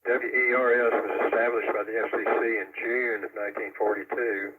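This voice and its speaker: A man running an amateur radio net over a two-way radio, relaying announcements and a history talk in a halting way, with many pauses and fillers. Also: fairly low pitch, fairly even intonation. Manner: halting delivery with frequent "uh" fillers. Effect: heard over a two-way radio with static. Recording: tinny, distant radio transmission with static.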